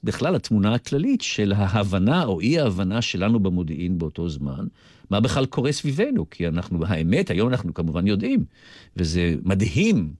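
An older man with an Israeli accent, telling his recollections deliberately, with asides, as a guest in a radio interview. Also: fairly low pitch, darkish tone, no echo, clean studio sound. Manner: deliberate storyteller who digresses into asides. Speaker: interview guest, retired military intelligence officer.

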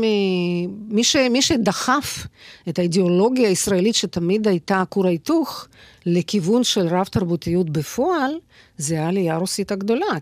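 A woman's voice: medium pitch, darkish tone, no echo, clean studio sound. A woman professor who is a native Russian speaker, explaining her field as an interview guest in Hebrew with a Russian accent, often adding short check questions. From former Soviet Union. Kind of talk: academic interview answers.

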